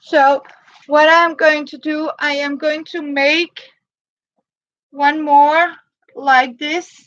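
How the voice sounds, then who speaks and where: A Danish woman in her fifties, a non-native English speaker, chatting on a live crafting stream in halting, simple English and greeting viewers by name. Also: sits high, flat delivery, a bit bright, no room sound, muffled recording. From Denmark. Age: 50s. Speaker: livestream crafter.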